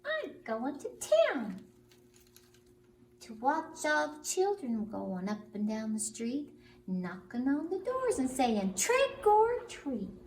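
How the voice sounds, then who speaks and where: A woman voicing an eager, mischievous little male bat in a drawn-out nursery-rhyme chant. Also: high voice, huge pitch swings, darkish tone, pitched above the performer's own voice, heavily acted. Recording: roomy, distant mic, faint noise.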